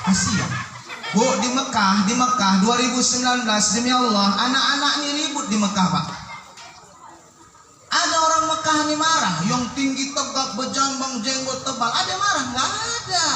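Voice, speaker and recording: A man preaching in a mosque, telling stories in a lively way and acting out the people in them. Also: very high-pitched, normal speed, noisy background. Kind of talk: sermon. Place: mosque hall. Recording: echoey mosque hall from far off, crowd.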